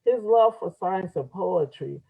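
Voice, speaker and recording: A woman's voice: lowish voice, lively intonation, unhurried, creaky, breathy edge. Lady emceeing an open mic, casual, trips on words n repeats them, bit muffled lo-fi sound. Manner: stumbles over read-out words and repeats them. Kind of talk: casual live event introductions. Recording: dull lo-fi live event audio.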